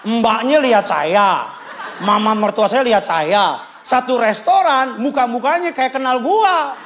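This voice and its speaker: A male pastor preaches a lively sermon. His voice sits high, and he jumps from loud bursts to quiet asides. Faint church room noise sits behind him. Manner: animated, shifts pitch and loudness, acts out quotes with shouts.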